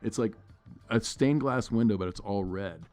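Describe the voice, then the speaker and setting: Low-voiced man telling a story. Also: normal speed, faint music behind. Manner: animated storyteller, drops to a low mutter for asides. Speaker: podcast host. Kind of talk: casual chat. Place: studio suite.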